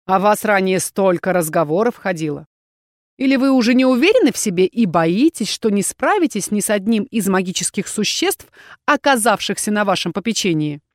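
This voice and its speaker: A woman's voice: mid-range voice, big pitch swings, brisk, no echo, lightly acted. A woman voicing an arrogant male inquisitor lord who talks in a mocking, insolent, pushy way, recorded dry.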